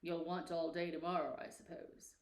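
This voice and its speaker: A woman's voice: on the low side, little pitch movement, moderate pace, pitched below the performer's own voice, lightly acted. Lady reading as a grumpy old miser boss from a storybook, sarcastic and scolding, roomy echo. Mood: grudging, irritated. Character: miserly, grumbling, sour old businessman Scrooge.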